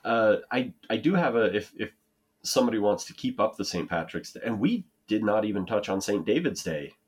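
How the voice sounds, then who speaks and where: This American podcast co-host has a fairly low, husky voice and speaks briskly and with lots of animation. The chat is casual, and he rambles, runs himself down, and keeps starting over.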